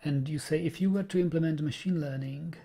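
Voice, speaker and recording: Fairly quick and a bit high, this young man's voice is creaky, dark-toned and slightly rough, carrying a Czech accent. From the Czech Republic, he's casually chatting during a live programming stream, frequently repeating words as he thinks aloud.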